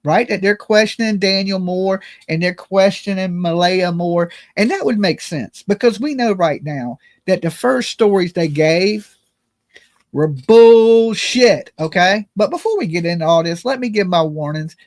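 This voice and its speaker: A man's voice: sits high, moderate pace. A man hosting a live commentary and call-in show, talking casually in a slangy, folksy way with self-deprecating jokes.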